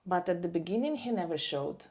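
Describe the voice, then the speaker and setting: Ukrainian-accented woman, reflective and halting. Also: lowish voice, lively intonation, a little mellow. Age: 40s. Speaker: podcast guest. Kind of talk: conversational personal storytelling.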